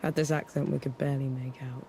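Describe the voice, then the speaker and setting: Tough soldier girl, blunt and wry, mellow darkish voice. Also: extremely low pitch, little pitch movement, quick pace, creaky, slight background noise. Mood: somber. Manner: blunt, plain-spoken, wry. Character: tough young woman soldier, blunt and weary.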